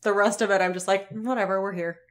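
A woman's voice: medium pitch, fast. Chatty woman podcaster, laughing often. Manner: animated, laughs often, lively retelling. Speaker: podcast co-host. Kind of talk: casual chat recapping a TV episode.

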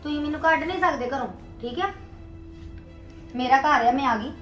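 A woman plays a young Punjabi wife who stands her ground and insists. Her voice is high and firm. A roomy echo and faint music lie beneath it. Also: moderate pace, a bit bright. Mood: defiant. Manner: defiant, insistent. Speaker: wife, daughter-in-law. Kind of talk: family drama acting.

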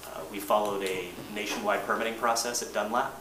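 A man, an engineering manager, presenting updates to a board in a measured, plain-spoken way, often restarting his sentences. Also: on the low side, fairly even intonation. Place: boardroom meeting. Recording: roomy distant mic, noisy meeting room.

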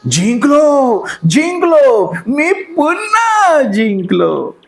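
A man voicing a cunning, gloating middle-aged schemer who crows over his wins in drawn-out high shrieks. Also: very animated, gravelly, exaggerated voice. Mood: gloating, triumphant. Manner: crowing slowly in high shrieks.

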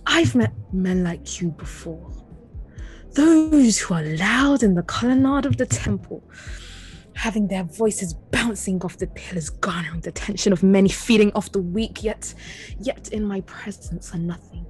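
A woman playing a proud, menacing king who taunts a prisoner in a slow, deliberate, imperious way in an audio play. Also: mid-range voice, darkish tone, soft background music, natural voice. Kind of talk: dramatic audio play acting.

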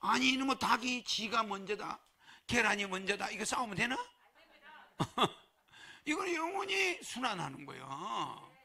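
A man's voice: sits high, very animated, a little slow, creaky, pushed and bright, slightly rough. A man preaching to followers in a folksy way, chuckling and throwing rhetorical questions at them. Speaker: religious leader addressing followers. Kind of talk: sermon.

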